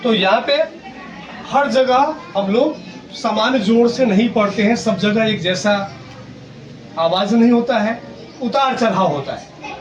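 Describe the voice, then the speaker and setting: This male schoolteacher's high voice comes a little slowly, with long pauses, and the highs are cut off beneath soft background music. Teaching grammar in a classroom, he explains step by step, answers questions he raises himself, and spells words letter by letter. It's recorded from afar, with noticeable background noise.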